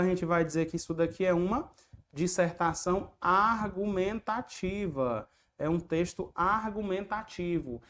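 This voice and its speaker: A young man teaching an online exam prep lesson, chatty and jokey, repeating each key point and rhyme. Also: high-pitched.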